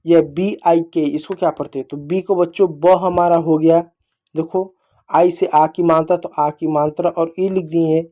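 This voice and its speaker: A man's voice: fairly high pitch, mellow. A man with a Hindi accent teaching children to read English phonics, patient, repeating rules and asking questions back. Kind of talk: phonics lesson.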